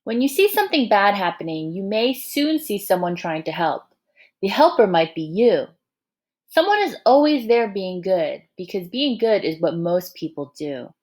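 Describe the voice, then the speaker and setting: In a mid-range voice, a woman shares a picture book with young children as a teacher might, reading expressively and encouragingly while breaking off to quiz her listeners and add asides.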